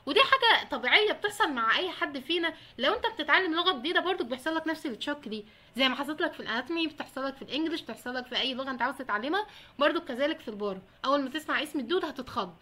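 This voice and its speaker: Young woman, Egyptian Arabic accent, bright voice, rapid chatty vlog advice. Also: high voice. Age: young adult. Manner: chatty, addresses viewers directly, laughs often. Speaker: veterinary student giving study advice.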